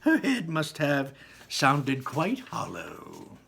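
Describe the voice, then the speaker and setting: A man reading as an eccentric, whimsical candy maker from a storybook, breezy and theatrical. His voice is bright and lively and bounces up and down in pitch. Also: takes it slowly, gravelly, a little hiss or hum, exaggerated voice. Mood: amused. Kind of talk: read-aloud storybook voice.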